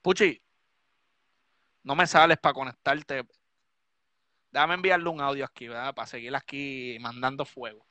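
A man's voice: medium pitch, steady tone, unhurried, long pauses, sharp tone, no echo. A Puerto Rican man, a DJ hosting a live stream, ranting drunk and swearing heavily. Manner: profane, heated, repetitive ranting.

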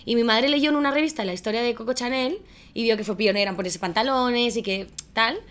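A young woman from Cuba, a guest on a chat show, talking casually with excited exclamations and frequent laughter. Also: fairly high pitch, fast. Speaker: guest singer.

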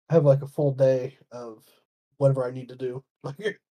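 Husky, very dark-voiced man. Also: fairly even intonation, normal speed. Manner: low-key, mumbling quiet asides. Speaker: podcast co-host. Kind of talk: casual gaming chat.

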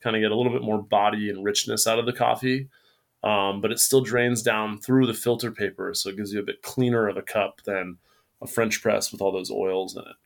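A man's voice: fairly low pitch, steady tone, fairly quick, creaky. Easygoing man explaining coffee on a podcast. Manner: easygoing, explains things plainly. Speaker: guest, coffee roaster. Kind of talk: casual podcast chat.

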